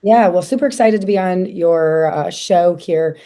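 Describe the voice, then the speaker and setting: A hoarse woman in her forties from South Dakota talks as a podcast guest, her voice lowish and dark. She chats easily, often restarting and filling pauses with little words. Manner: chatty, many fillers and restarts. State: hoarse from a cold. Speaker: guest, association leader. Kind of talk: casual interview chat.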